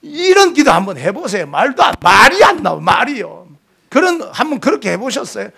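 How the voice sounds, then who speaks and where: A middle-aged man pastor preaching a revival sermon, swinging between shouting and hushed storytelling in a church sanctuary. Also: very high-pitched, wildly swooping pitch, fairly quick, vocal fry, breathy edge.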